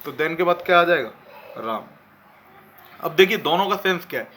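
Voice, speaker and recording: Man, grammar teacher, high voice, quizzes himself aloud, faint room hiss. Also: lively intonation, a bit bright. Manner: explains slowly, asks and answers his own questions. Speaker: English teacher. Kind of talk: classroom grammar lesson.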